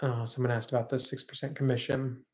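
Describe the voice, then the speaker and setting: A man's voice: medium pitch, flat delivery, fast. Chatty man in his thirties, home kitchen. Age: 30s. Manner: chatty, reads viewer comments aloud. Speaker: co-host. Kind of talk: casual livestream chat.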